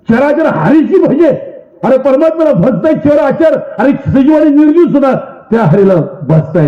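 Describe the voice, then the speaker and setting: High-pitched man preaching in an echoey hall. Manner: emphatic, preaching with rising and falling intensity. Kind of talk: devotional sermon. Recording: roomy, dull low-fidelity sound.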